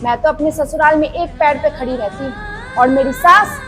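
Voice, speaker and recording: A woman playing a jealous married young sister-in-law who talks loudly and sarcastically in a family skit. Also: high-pitched, normal speed, soft background music. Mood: taunting. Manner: loud, sarcastic and nagging.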